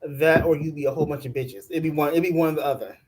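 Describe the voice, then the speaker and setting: A man's voice: fairly high pitch, racing, low-quality recording. A man in his forties co-hosting a reality-show recap, laid-back with wry jokes and lots of "like". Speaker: podcast co-host reviewing a reality show. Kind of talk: casual commentary chat.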